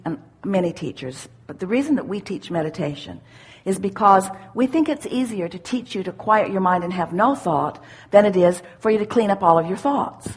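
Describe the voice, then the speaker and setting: In a live spiritual seminar, a husky-voiced woman with a mid-range pitch answers audience questions unscripted. She teaches deliberately.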